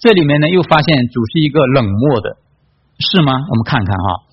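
A man's voice: mid-range voice, lively intonation, a little fast, lo-fi sound, a little hiss or hum. A man preaching a Bible study in a conversational way, reading scripture aloud and asking his listeners questions. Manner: conversational, many tag questions and fillers.

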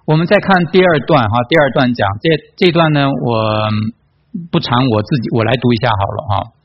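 This Bible study preacher has a mid-range voice and a brisk pace, with the high frequencies cut off in the recording. His style is conversational: he reads scripture aloud, questions his audience, and uses lots of tag questions and fillers.

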